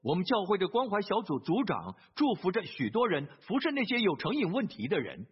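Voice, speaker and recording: Male preacher, high lively voice, earnest storytelling, dull lo-fi recording. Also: a little fast, slightly rough. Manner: earnest storytelling with hesitant fillers and repetition. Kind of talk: sermon.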